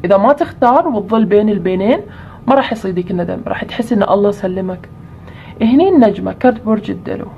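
A woman's voice: mid-range voice, expressive, quick pace. Woman, tarot reader, talks viewers through choices, dull slightly noisy recording. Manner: explanatory, repeats points with listed either-or examples.

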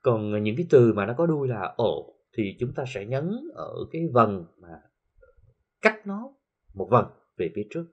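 A man with a Southern Vietnamese accent teaching an English lesson, explaining slowly with many filler sounds and reading English examples carefully. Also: medium pitch, very animated, breathy edge, dull audio. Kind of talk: recorded classroom lesson for TV.

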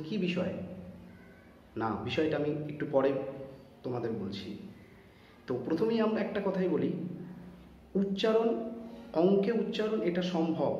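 A man's voice: a little high, mellow, muffled recording. A man teaching a math lesson to students, speaking straight to them and explaining each step, repeating numbers. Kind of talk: classroom math lesson video. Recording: echoey room with long reverb, faint noise.

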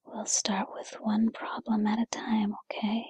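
A woman playing a gentle, patient fairy godmother in a whispered role-play, with a breathy whisper and a soothing, encouraging manner. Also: mid-range voice, monotone, no echo, exaggerated voice. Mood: gentle, reassuring. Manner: soothing, encouraging, unhurried second-person address.

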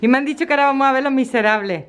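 A woman's voice: sits high, racing. A woman, chatting casually in her vlog, laughing often and acting out what others said. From Spain. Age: 50s. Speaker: vlogger.

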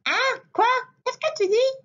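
A woman's voice: very high voice, expressive, measured pace, voice pushed up, full character voice. A woman voicing a hungry, blustering big bad wolf who roars threats and turns meek. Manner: shouting threats, then meekly pleading. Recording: dull lo-fi recording.

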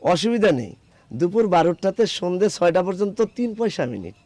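A man's voice: high-pitched, sing-song, a little fast, darkish tone. An actor playing a cheeky young phone-shop owner, wry and teasing as he sets his rules.

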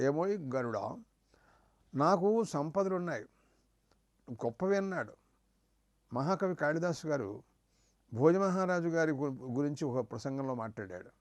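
A man's voice: sits high, a little mellow, dry recording. A man giving a spiritual discourse, chanting verses and acting out short voices in his stories. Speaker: spiritual teacher. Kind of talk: devotional discourse.

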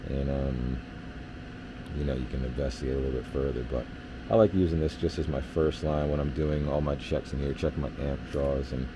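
A man working as an HVAC technician gives a relaxed, practical explanation of system readings in a basement by the furnace, loaded with fillers. His voice rumbles low at a brisk pace, with background noise present.

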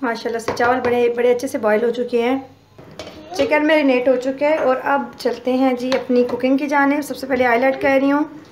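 High-voiced woman narrating her cooking. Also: brisk, a little hiss or hum. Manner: step-by-step explaining, calm and homely. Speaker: cooking channel host. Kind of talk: casual cooking voice-over. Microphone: voice-over.

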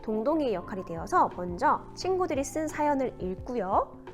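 A woman teacher reading a picture book aloud and explaining class activities in an animated, sing-song storytelling manner. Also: sits high, moderate pace, faint music behind.

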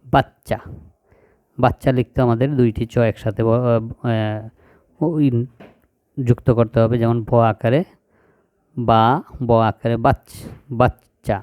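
A man gives a phonics lesson to small children at an unhurried pace, breaking each word into syllables and saying it again and again. His voice sits in a middle register and is recorded dry and close. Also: mid-range voice, fairly even intonation, a little mellow, no room sound. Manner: spells syllables out slowly and repeats each word. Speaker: teacher.

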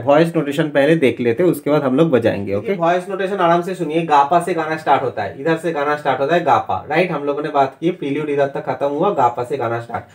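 A young Indian man teaching a harmonica lesson, patiently walking through the notation step by step and slowly calling out the note names. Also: on the high side. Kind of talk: music lesson explaining notation.

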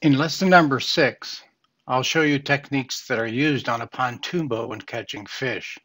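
A man's voice: medium pitch, normal speed, fairly bright tone. An older man teaching a fly fishing lesson at home, talking in a plain, earnest way with some fillers and restarts. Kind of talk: instructional narration. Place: small home room with shelves.

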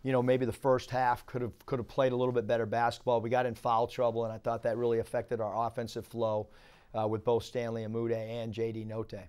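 A man in his forties, a basketball head coach, answering interview questions courtside in an arena, with halting restarts, on a lapel mic. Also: mid-range voice, monotone, a little mellow, clear, resonant tone. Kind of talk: post-game interview.

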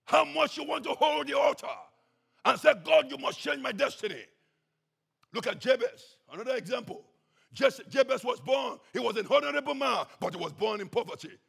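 A man preaching a sermon with passion, swinging between shouts and hushed tones. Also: very high-pitched, animated, fairly quick, creaky, slightly rough. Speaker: pastor.

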